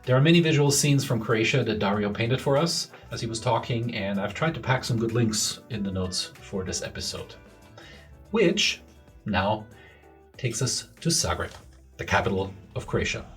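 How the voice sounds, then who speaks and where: A man's voice: medium pitch, expressive, normal speed, soft background music. A man hosting a podcast who earnestly asks for listener support and introduces his guest, repeating words for emphasis. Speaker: podcast host. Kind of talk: podcast host appeal and introduction.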